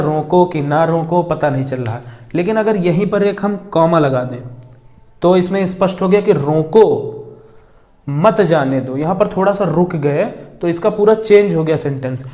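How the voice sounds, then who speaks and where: Hindi grammar teacher dictating slowly. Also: male voice, sits high, a little mellow. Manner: slow dictation, repeating words as he writes; explains by asking and answering his own questions. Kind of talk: whiteboard grammar lesson.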